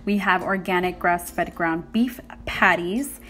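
A woman's voice: on the low side, takes it slowly, a bit bright. Upbeat woman narrating a grocery haul. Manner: upbeat, chatty, laughs lightly between points. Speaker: vlogger.

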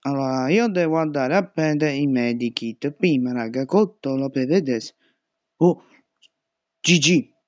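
A man's voice: mid-range voice, a little slow, no room sound. Panicky swearing young man, lo-fi mic. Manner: panicky, swearing and shouting at jumpscares. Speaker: gaming youtuber. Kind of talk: horror gameplay commentary.

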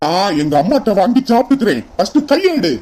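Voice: mid-range voice, big pitch swings, fast, darkish tone. A voice actor playing a grumpy young husband in a cartoon, scolding his wife in Kanyakumari Tamil. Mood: snapping. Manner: snappish, scolding. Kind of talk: cartoon voice acting.

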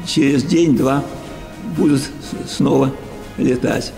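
A man in his nineties recalling the past in an interview, halting, with many fillers and restarts. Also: medium pitch, fairly even intonation, vocal fry, warm tone, soft background music. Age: 90s. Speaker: war veteran and professor interviewed. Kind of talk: interview recollection.

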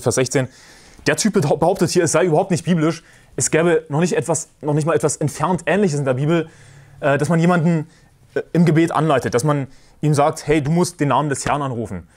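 Forceful combative male preacher. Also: a little high. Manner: forceful, combative preaching, repeats verse references. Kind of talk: sermon.

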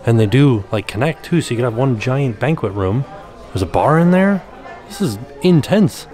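A man vlogging casually, chatting enthusiastically about menus and food as he walks around. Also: medium pitch. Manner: chatty, enthusiastic food commentary with frequent "ooh". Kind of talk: casual vlog narration. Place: outdoor shopping plaza and indoor restaurant.

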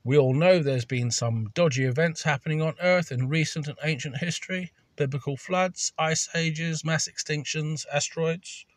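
A man's voice: fairly high pitch, normal speed, few pauses, no room sound. Man, scripted voice-over, sardonic and opinionated, dry close recording. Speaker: video narrator.

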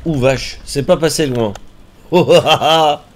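A man streaming a game, reacting out loud with yelps and groans and talking to the enemies on screen. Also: fairly high pitch, a little slow, slight background noise. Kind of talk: live gameplay commentary.

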